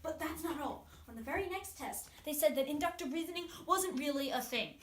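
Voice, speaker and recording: A woman voicing young Sherlock, a clever, bored, know-it-all boy, acting in an amateur audio drama. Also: sits high. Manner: cocky, excitable, quick to complain of boredom. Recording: roomy echo, faint noise.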